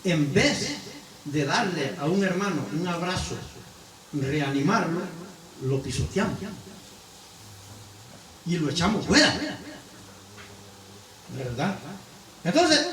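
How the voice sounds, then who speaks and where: A man preaching a sermon, talking straight to his listeners with rhetorical questions and swinging from loud exclamations to low murmurs. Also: roomy sound, recorded from a distance, a little hiss or hum, rough recording.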